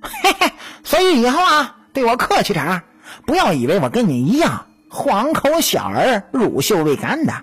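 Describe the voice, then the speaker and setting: A woman's voice: a little high, huge pitch swings, normal speed, slightly rough, full character voice. A woman voicing a cocky, teasing male weasel spirit in a storytelling audiobook. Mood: smug teasing. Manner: teasing, smug, chuckling.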